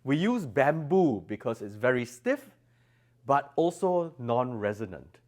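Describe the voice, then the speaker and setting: A man's mid-range, slightly mellow voice has a sing-song quality and a measured pace as he demonstrates products in an interview. He is the designer, explaining technical details with emphasis in an exhibition room at an audio show.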